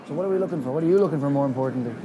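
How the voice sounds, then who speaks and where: A man's voice: on the high side, racing, over music. A British man reporting on location in a chatty, colloquial way, talking to camera and putting questions to people. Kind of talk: informal piece to camera and street interviewing. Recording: clear outdoor and vehicle noise.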